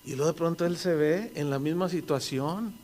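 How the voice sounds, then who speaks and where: A man's voice: fairly high pitch, moderate pace, darkish tone. A man in his sixties with a Mexican accent, preaching a sermon in an earnest, conversational storytelling manner.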